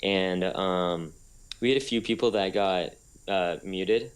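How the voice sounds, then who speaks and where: A young man co-hosts a casual podcast, telling a story with a somewhat low voice. He rambles, restarts his sentences often and keeps circling back to what he meant to say. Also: slow. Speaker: podcast co-host. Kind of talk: casual chat.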